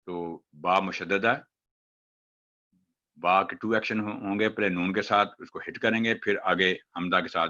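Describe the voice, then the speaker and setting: A man's voice: low voice, bright, forceful tone, muffled recording. A man teaching Quran recitation, chanting example words syllable by syllable and then explaining the rules. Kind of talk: step-by-step recitation lesson.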